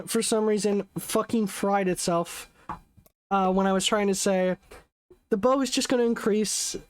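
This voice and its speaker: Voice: medium pitch, a little mellow, clear, resonant tone. A young adult game streamer chatting casually during a live session, rambling, correcting themselves often and swearing offhandedly. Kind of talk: casual live gameplay commentary.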